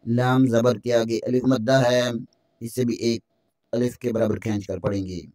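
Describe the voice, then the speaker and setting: A man teaching Quran recitation with tajweed, spelling out the verses letter by letter and chanting them slowly. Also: medium pitch, flat delivery, warm tone, no room sound. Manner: slow drawn-out recitation between brisk explanations.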